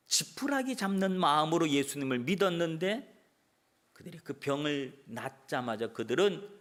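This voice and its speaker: A man's voice: a little high, a bit bright. Man preaching an emphatic sermon. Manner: storytelling, rising to emphatic peaks. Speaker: pastor. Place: church.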